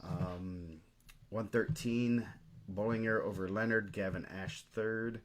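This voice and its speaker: A man co-hosting a casual podcast about high school wrestling, running through results in a steady, list-like way. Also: slow. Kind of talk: casual sports chat.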